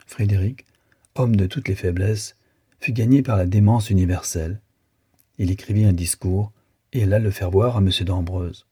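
A man reading a classic novel aloud as an audiobook narrator, in a measured, even manner. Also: low-pitched, breathy edge. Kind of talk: scripted literary narration.

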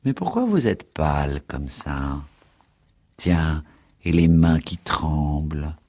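A man voicing a suspicious old female pawnbroker, shrewd and prying, with slow querulous questions. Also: very deep voice, lively intonation, dark tone, exaggerated voice.

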